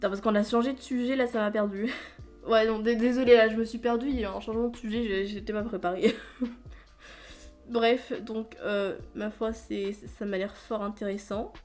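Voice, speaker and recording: A woman's voice: medium pitch, steady tone, moderate pace, a little mellow, soft background music. A woman chatting casually as a book vlogger, rambling, stumbling over words and laughing at herself. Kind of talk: casual chat.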